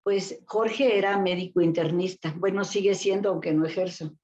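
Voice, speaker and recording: In a muffled recording, a therapist guesting on an interview rambles through memories of her working life, restarting and filling pauses often. She is an older woman with a Mexican Spanish accent, and her lowish, darkish voice holds a steady tone at a moderate pace.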